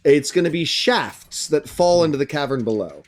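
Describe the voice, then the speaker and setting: A man's voice: fairly high pitch, lively intonation, moderate pace, a little hiss or hum. A man narrating as game master of a tabletop game, slipping into menacing speeches for the people he describes.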